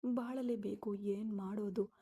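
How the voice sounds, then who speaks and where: A woman's voice: medium pitch, steady tone, measured pace, mellow, slightly rough. A woman voicing a grieving young wife pleading with her husband, read in a storybook style.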